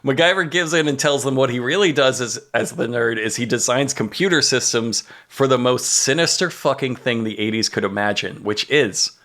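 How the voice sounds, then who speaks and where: A man with an average-pitched voice hosts a casual comedy recap podcast. He talks in sweary, incredulous exaggeration as he tells the story. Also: normal speed, hardly any pauses, a bit bright. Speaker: podcast host recapping a TV episode.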